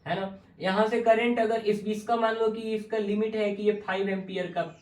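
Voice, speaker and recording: A man's voice: high voice, level tone, moderate pace, darkish tone, far from the mic. Male physics teacher in an echoey room. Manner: repeats questions and answers them himself. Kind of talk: classroom lecture.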